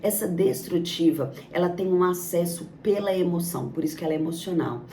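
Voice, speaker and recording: Woman, motivational coach; low, mellow, emphatic delivery stacking lists, heard off-mic in an echoey room. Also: fairly quick, far from the mic, slight background noise. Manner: emphatic, piles up lists and rhetorical questions. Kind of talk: motivational self-help talk.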